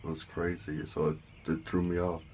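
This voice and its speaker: Low-voiced man rambling through a story. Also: monotone, moderate pace, a little mellow, a little hiss or hum. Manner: rambling with many fillers and laughs. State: sore lower back. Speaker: vlogger. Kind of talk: casual storytelling.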